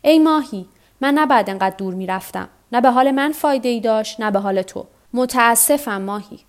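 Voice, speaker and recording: A woman's voice: a little high, natural voice. Woman voicing a weary old fisherman. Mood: rueful. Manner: talks to himself, tired and rueful.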